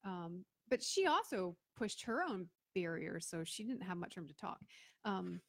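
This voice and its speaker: A lowish, creaky, sing-song voice belongs to a middle-aged Florida woman who unhurriedly tells stories as a guest in a casual interview. A veteran and business owner, she chats freely and acts out quoted voices. The studio-quality audio has no room sound.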